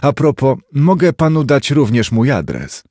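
A man reading an audiobook, voicing a pale, stunted, sinister man with a hoarse voice, curt and guarded. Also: mid-range voice, very animated, unhurried, a little mellow, no echo, studio quality, pitched above the performer's own voice. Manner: curt, guarded, with flashes of anger. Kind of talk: audiobook character voice.

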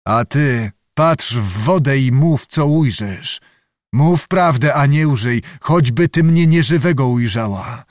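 A man's voice: medium pitch, expressive, slow pace, no room sound, clean studio sound. Man reading as a brooding Cossack chieftain. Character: brooding young male Cossack chieftain, proud and restless. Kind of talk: audiobook reading.

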